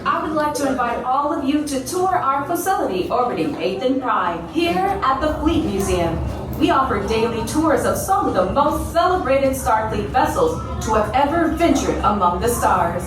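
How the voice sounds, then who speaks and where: Woman as high-voiced starship museum tour guide. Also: animated, moderate pace. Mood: welcoming, formal. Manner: formal, welcoming presenter delivery. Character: cheerful, reassuring young female starship museum tour guide. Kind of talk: scripted theme-attraction tour narration. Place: echoing indoor attraction, recorded from afar. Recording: echoey, distant, loud music behind.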